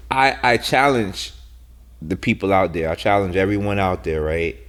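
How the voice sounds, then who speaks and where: A man with a deep, low voice co-hosts a casual podcast talk. He asks probing questions and speaks to listeners earnestly and directly. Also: expressive, unhurried, fairly bright tone. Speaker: podcast co-host. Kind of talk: casual discussion.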